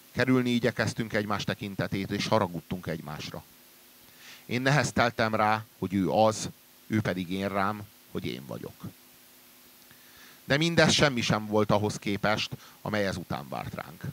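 A man reading a literary story aloud in a measured way, trailing low and quiet at the ends of sentences. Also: lively intonation. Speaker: reader.

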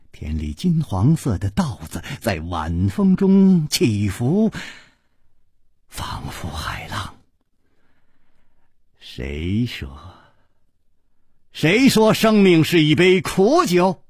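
Guy reading a wuxia romance aloud, super husky, slow, pitch swinging wildly, dry close sound. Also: no echo. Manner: expressive, swinging between hushed and lively. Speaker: storyteller. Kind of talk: dramatic story reading.

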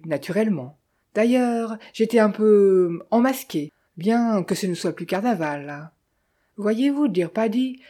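Woman doing a sly male bandit, mocking, falsely friendly, husky, mellow. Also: mid-range voice, close to an everyday voice. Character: sly smooth-talking male Italian bandit.

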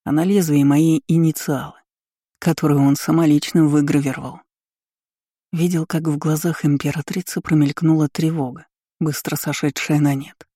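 A man narrating a story in the first person, in a measured, sardonic way. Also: a little high, level tone, warm tone, no room sound, clean studio sound. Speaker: audiobook narrator.

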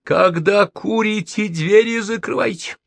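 A man's voice: high voice, a little slow, creaky, no room sound, voice pushed up. A man voicing a furious young American woman who screams and scolds, with an American accent. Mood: shrill fury. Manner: shrieking, scolding.

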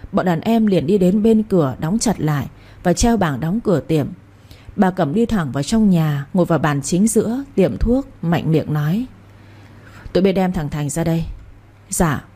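Brief: woman storyteller, low husky voice, steady narration.

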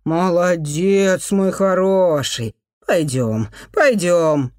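A reader voicing an older, blunt working man in an audiobook, gruff with strangers and coaxing with his brother. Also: mid-range voice, animated, very slow, darkish tone, dry recording, studio quality.

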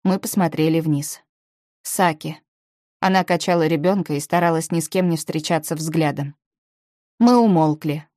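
A woman reading a first-person novel aloud as an audiobook narrator, in a measured storytelling way. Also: sits low, warm tone, no room sound, studio quality.

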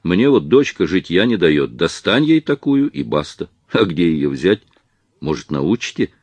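A man's voice: low-pitched, very animated, unhurried, a little mellow, breathy edge, no room sound, heavily acted. A man reading a genial middle-aged investigator. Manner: good-natured, joking, friendly.

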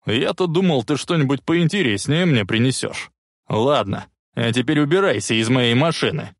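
A man voicing a brash young bully who talks in a loud, mocking way. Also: medium pitch, expressive, normal speed, no room sound, clean studio sound.

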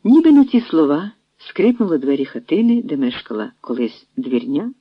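A narrator reading a historical story as an audiobook, in an expressive storytelling manner. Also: mid-range voice, normal speed, dry recording. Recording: dry, dull lo-fi sound.

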